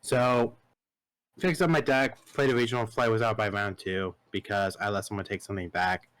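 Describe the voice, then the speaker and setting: A man's voice: lowish voice, fairly even intonation, normal speed, fairly bright tone, smooth, no room sound. A man hosting a podcast, animatedly telling a story in casual talk, acting out both sides of conversations and swearing casually. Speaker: podcast host.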